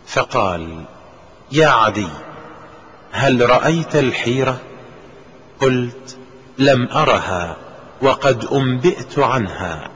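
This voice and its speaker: A man reading religious texts aloud in a measured, solemn manner. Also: mid-range voice, a bit bright. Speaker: religious reader. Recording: reverberant recording with faint noise.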